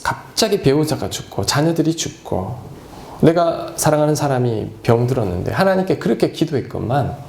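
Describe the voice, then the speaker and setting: A man's voice: medium pitch, sing-song, moderate pace, creaky, a little mellow, roomy sound, slight background noise. A male pastor preaching a sermon, emphatic and posing rhetorical questions to the congregation.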